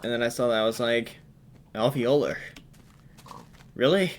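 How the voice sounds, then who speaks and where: A man's voice: mid-range voice, monotone, rapid-fire, smooth. A man giving casual gameplay commentary at home, rambling with many fillers and restarts. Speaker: gaming commentator. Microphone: headset or desk mic while wearing headphones.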